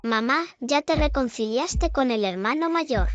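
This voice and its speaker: High-pitched sweet little child played by a woman. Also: expressive, unhurried, no room sound, highs cut off. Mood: sweet, worried. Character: sweet, worried small child missing mother. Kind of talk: dubbed melodrama acting.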